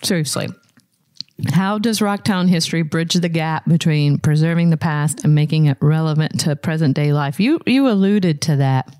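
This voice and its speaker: A woman's voice: deep voice, a little mellow, no echo. A woman hosting a podcast, chatting casually, laughing often and reading a sponsor ad. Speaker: podcast host. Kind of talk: casual chat with live ad read. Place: house next door to a museum.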